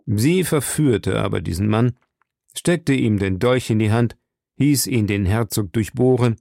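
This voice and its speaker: A stern lord levels his accusations in a low, gravelly voice, as a man reads him. The sound is close and dry, like a storybook reading. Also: unhurried, warm tone, dry recording. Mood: accusing.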